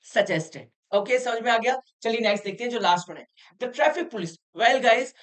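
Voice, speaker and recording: A woman's voice: a little high, expressive. Patient woman tutor, quizzing rhetorically. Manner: keeps checking understanding with rhetorical questions; reads English sentences slowly, then explains in Hindi. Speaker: English teacher. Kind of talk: Hindi-English tutoring lesson.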